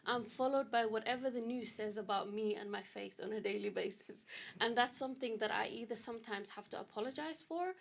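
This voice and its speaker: A woman's voice: fairly high pitch, a little fast, gravelly, a little hiss or hum. A woman from Britain speaking as a panelist on an online discussion, earnest and direct about her own experience. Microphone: video call.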